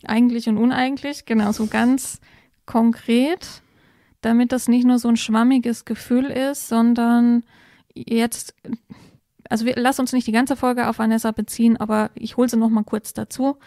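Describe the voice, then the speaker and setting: Woman, podcast co-host, higher voice, dark tone, thoughtful explanatory talk. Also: flat delivery, normal speed, dry recording, studio quality. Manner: explanatory, thoughtful, gives step-by-step advice. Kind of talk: casual podcast conversation.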